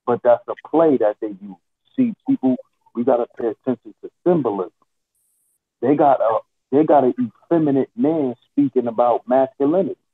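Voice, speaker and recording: Speaking through a headset in an online audio chat room, a man with an animated, medium-pitched voice lectures insistently, firing off rhetorical question after rhetorical question at a normal pace. His voice has a breathy edge, and the tinny, dry line sounds muffled and dull, as though heard through a wall.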